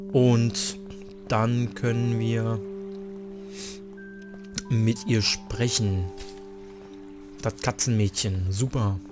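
A man's voice: mid-range voice, little pitch movement, drawn-out words, pauses often, over music. A man hosting a let's play, chatting casually through his gameplay with lots of fillers. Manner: chatty, filler-heavy, talks to himself.

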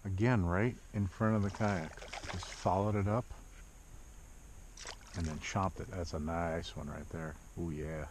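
With a low, fairly even voice and an unhurried pace, a middle-aged kayak angler and video host narrates his fishing on a lake. His remarks are short and plain-spoken. An action camera fixed to his body or kayak captures dull, muffled sound amid loud outdoor noise.

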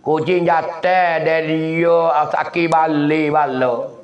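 An Islamic preacher from southern Thailand with a Patani Malay accent gives a folksy religious lecture, imitating animal noises as he tells stories. His voice is fairly high and level in tone, and he takes his time. The recording is echoey and lo-fi.

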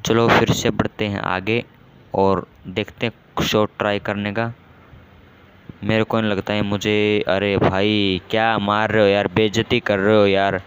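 A man hosting a gaming channel, giving casual commentary on a match with excitable, self-mocking banter and lots of repeated exclamations. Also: lowish voice, unhurried, slight background noise. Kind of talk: casual live game commentary.

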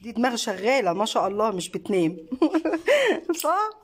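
Holding the phone camera herself at a home table in the living room, an Egyptian woman who runs a craft channel praises and encourages from behind the lens. She speaks Egyptian Arabic-accented speech in a slightly high, very animated voice at a moderate pace, full of fillers. She's a mother recording a casual craft vlog.

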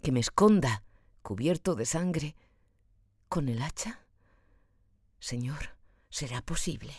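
A woman voicing a tormented, feverish young male student who talks in an anguished, hushed, half-whispered mutter in an audiobook. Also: low voice, expressive, slow, breathy edge, no echo, studio quality, exaggerated voice. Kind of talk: audiobook character voice.

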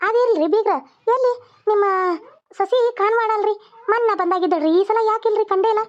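Woman doing village ladies in a homemade cartoon, north karnataka accent, super high voice, muffled lo-fi sound. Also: darkish tone. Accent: North Karnataka Kannada. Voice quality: high, quick dialect chatter with frequent polite "ri" endings. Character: village women, a bride and her kin. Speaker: voice of the women in a village family cartoon. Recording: muffled lo-fi recording.

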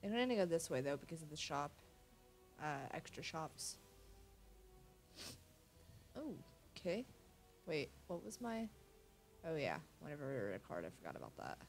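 Sniffling through a cold, an American gaming channel host in her young years plays a card game from her home computer and comments casually, frequently muttering to herself. She's laid-back, and her voice is deep.

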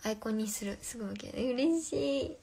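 Playful young woman with vocal fry. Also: medium pitch, flat delivery, fast talker, a little mellow. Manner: reads viewer comments aloud and replies playfully, often drops to a whisper. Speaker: livestream host. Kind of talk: casual livestream chat. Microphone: phone.

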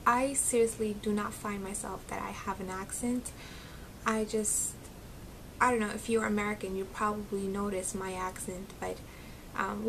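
A young woman from Syria, a beauty vlogger, giggles and chats casually to camera from her small bedroom, seated close to a webcam and saying "um" often. She speaks at medium pitch with a slight Arabic accent, and the low-quality recording has slight background noise.

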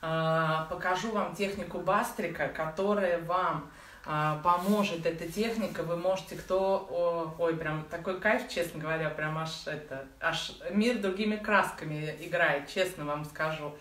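A woman's voice: on the low side, steady tone, measured pace, a bit bright. Woman teaching in an echoey room. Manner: chatty, fond of affectionate diminutives. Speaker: breathing practice instructor. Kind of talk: informal instruction for beginners. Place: living room at home, indoors. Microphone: phone or camera set a little way off. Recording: echoey room, distant mic, faint noise.

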